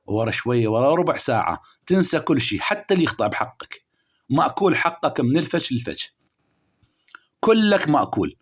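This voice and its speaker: A man with an Iraqi Arabic accent giving a spiritual horoscope reading to the listener in a preachy, scolding way, jumping between loud emphatic bursts and low murmurs. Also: big pitch swings, a little fast, breathy edge. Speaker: spiritual astrology reader. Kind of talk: direct-address horoscope reading.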